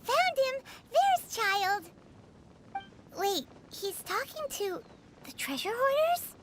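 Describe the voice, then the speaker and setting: A woman voicing a tiny, cheeky, excitable fairy companion in a video game, squeaky and exclamatory. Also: slow pace, very noisy, heavily acted. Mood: upbeat. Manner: exclamatory, speaks of herself in third person. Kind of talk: video game character acting. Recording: game music behind the voice. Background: game music.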